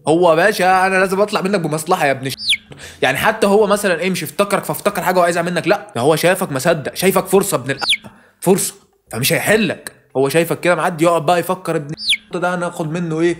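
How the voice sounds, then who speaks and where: Against a noisy background, a high-pitched man with an Egyptian Arabic accent delivers a comic monologue as a video host. He rants fast and exasperated, cutting his curses short mid-word.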